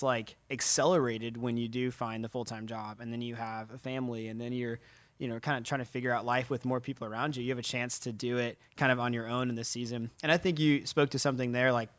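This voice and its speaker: A man in his twenties co-hosting a podcast, chatting casually and telling animated, jokey stories. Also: medium pitch, fairly quick. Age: 20s. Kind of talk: casual chat.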